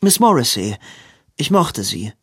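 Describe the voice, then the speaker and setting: A man voicing a hurried, flustered young woman, the hero's sister. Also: a bass voice, sing-song, fairly bright tone, slightly rough, no room sound, clean studio sound, full character voice. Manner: breathless, hurried pleading.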